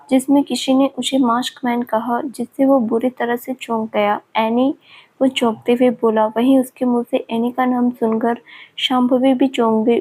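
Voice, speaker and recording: A woman's voice: on the high side, slightly rough. A woman reading a family drama aloud as scripted narration, voicing all the characters in much the same narrating tone. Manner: reads all characters in a near-even narrating voice. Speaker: storyteller.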